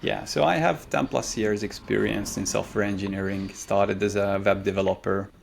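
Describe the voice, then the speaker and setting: A Hungarian man in his thirties, a career mentor appearing as an interview guest, speaks English with a Hungarian accent and answers thoughtfully, with many hesitations and fillers. His voice is fairly low and gravelly, with fairly even intonation at a normal speed. There's slight background noise.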